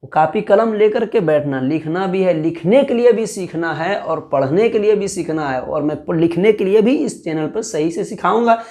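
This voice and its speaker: This Urdu teacher's voice is high yet dark, with lively intonation, a moderate pace and hardly any pauses. In his online alphabet lesson he names the letters one by one, repeats himself and quizzes the viewer to confirm they're keeping up.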